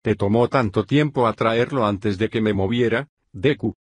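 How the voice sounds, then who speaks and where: Guy voicing an angry hothead teen boy, husky, dry sound. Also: on the low side, normal speed, no echo. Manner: angry shouting lines. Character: hot-tempered teenage boy hero.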